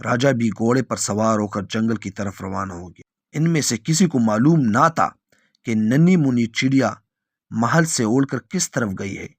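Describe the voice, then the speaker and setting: A man narrating a storybook tale in a steady, clear reading voice. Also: medium pitch, no echo.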